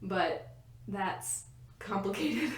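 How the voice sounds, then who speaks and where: A young woman co-hosts a casual podcast from her bedroom, rambling happily and laughing through her sentences. Her voice sits at an ordinary pitch, and the room around her gives it a noticeable echo. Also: lively intonation, drawn-out words. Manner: giggly, rambling, often laughing mid-sentence. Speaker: podcast co-host. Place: a bedroom at home.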